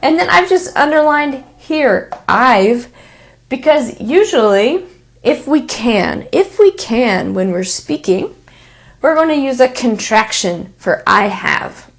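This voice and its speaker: Slow, deliberate Texan woman teaching. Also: high-pitched, big pitch swings. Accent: Texan American. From Texas. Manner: repeats example sentences slowly, stressing key words. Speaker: English pronunciation teacher. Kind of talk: slow, deliberate spoken English lesson.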